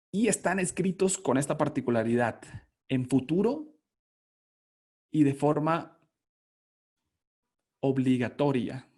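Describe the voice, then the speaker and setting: A man's voice: medium pitch, darkish tone. A man from Colombia giving a conference lecture on auditing standards, emphatic, repeating key words and asking and answering his own questions.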